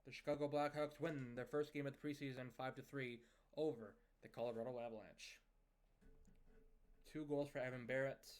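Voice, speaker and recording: A young man with a mid-range voice narrates his hockey management game from a home desk setup. He runs through goals, periods and roster changes in a casual, even-keeled commentary style. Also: medium pitch, moderate pace, clear, resonant tone. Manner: steady, conversational recap of scores and lineup moves.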